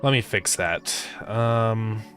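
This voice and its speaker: A man developing a game on a live stream, thinking aloud in a relaxed way and answering chat with fillers. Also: on the low side, slow, soft background music. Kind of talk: casual live-stream chat while coding.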